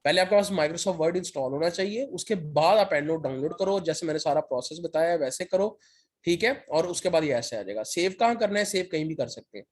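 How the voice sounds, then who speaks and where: Man teaching software with a sore throat. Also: a little high, animated, brisk. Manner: step-by-step, repeats "ठीक है" to check in. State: sore throat, occasional cough. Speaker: lecturer. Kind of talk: screen-share software tutorial.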